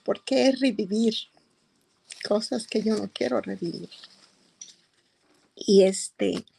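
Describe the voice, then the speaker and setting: A middle-aged woman giving an emotional personal testimony, telling her story slowly with hesitations. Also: mid-range voice, vocal fry, dark tone, a little hiss or hum. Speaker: interviewee.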